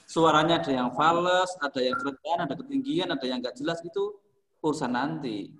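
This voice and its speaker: A man's voice: on the high side, a little fast, a bit bright. Joking male music teacher, echoey classroom. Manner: joking, encouraging, explains with examples. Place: school classroom.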